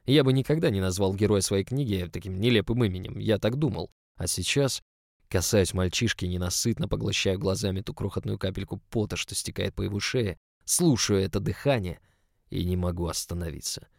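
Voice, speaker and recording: A man voicing a tall Norwegian writer and boss, commanding and full of desire, in a low, measured, intimate reading. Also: gravelly, no echo, clean studio sound. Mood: brooding. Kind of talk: audiobook character reading.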